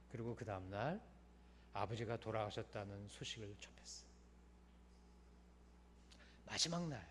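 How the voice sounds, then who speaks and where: A man preaching a Sunday sermon as a pastor, telling a story in a colloquial, emphatic way that swings from loud stresses to soft, trailing phrase ends. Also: on the high side.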